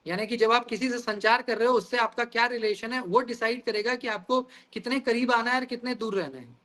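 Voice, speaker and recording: A male teacher delivers a lecture in a high, bright voice. He explains each idea through everyday examples and keeps turning to the class with questions. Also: a little fast. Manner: explains with everyday examples, often asks "guys".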